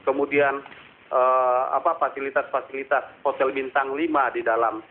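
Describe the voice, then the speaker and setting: A man calls in to a live phone-in, airing political opinion in an earnest, formal way, with rhetorical questions and hesitant pauses. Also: mid-range voice, little pitch movement. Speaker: phone-in caller. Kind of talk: radio show caller airing political opinion. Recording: tinny narrowband phone line.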